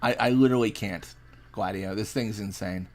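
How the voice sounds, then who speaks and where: A man's voice: on the low side, moderate pace, a little mellow. A young man casually chatting and reacting while streaming a fishing game, laid-back and rambling as he answers chat.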